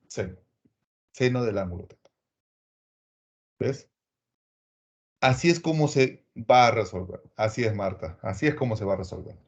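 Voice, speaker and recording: A man teaching trigonometry to a class in a lively way, often acting out what his students might say and calling them by name. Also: medium pitch, muffled recording. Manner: lively, acts out imagined student replies; addresses students by name, coaxing. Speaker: math teacher.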